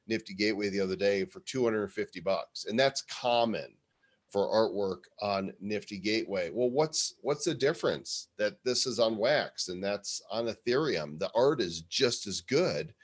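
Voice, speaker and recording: A man's voice: on the low side, lively intonation, normal speed. A man co-hosting a live show in casual, rambling, conversational talk. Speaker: co-host of a show about NFT art.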